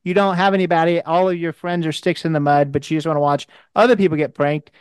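A man's voice: on the high side, steady tone, quick pace, clean tone, dry recording. A man hosting a podcast interview, talking casually with many restarts and fillers. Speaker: podcast host.

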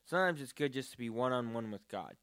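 A man's voice: mid-range voice, lively intonation, fast, a bit bright. A man talking about prayer in a casual, earnest and rambling way, with many fillers. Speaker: podcast co-host. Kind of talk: casual faith talk.

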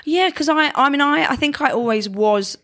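A woman's voice: high-pitched, expressive, normal speed, a bit bright. A woman co-hosts a podcast in easygoing chat. She talks with animation, often restarting sentences and finishing her co-host's thoughts. She is recorded in a room with the door open. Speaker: podcast co-host. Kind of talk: casual chat.

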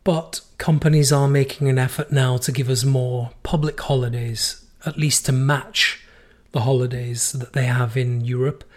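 A man from the United States with a hoarse, worn-out voice, hosting a podcast in a casual solo monologue. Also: medium pitch, level tone, normal speed, few pauses. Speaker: podcast host.

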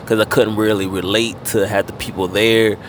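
A man in his thirties talks with an easygoing, unhurried drawl, sprinkling in fillers and casual curses. His voice sits low. Car traffic hums loudly behind him on a noisy recording. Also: little pitch movement. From Fort Lauderdale, Florida. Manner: laid-back, heavy on fillers and casual swearing. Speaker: guest rapper. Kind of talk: casual interview chat.

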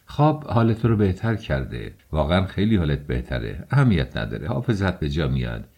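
A man's voice: very deep voice, sing-song, creaky, darkish tone, husky, pitched below the performer's own voice, full character voice. A man reading the lines of an eager, talkative young friend who fusses over a sick companion in an audiobook. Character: cheerful fussing young male friend.

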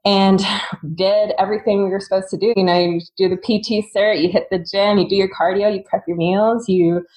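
Her voice is medium in pitch, a little mellow, steady in tone and moderately paced, though the recording is low quality. She's a Singaporean fitness coach in her thirties, guesting on a podcast and telling her story in a chatty, candid, casual way, laughing often as she talks.

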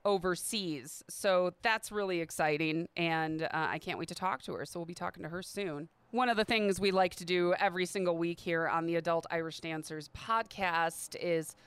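A woman's voice: lowish voice, moderate pace, hardly any pauses, a bit bright, clean tone, no echo. A woman hosting her own podcast, talking in a chatty, upbeat way with light laughs. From Midwestern United States. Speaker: podcast host. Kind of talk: casual solo podcast talk. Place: at home in a quiet neighborhood.

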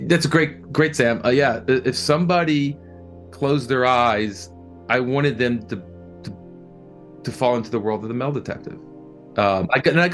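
A man with a medium-pitched voice answers interview questions in his role as a producer. He speaks thoughtfully and conversationally, often halting and repeating words.

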